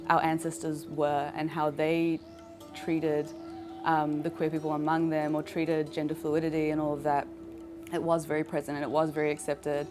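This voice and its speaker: A woman speaking thoughtfully and in measured terms in an interview. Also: deep voice. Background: music.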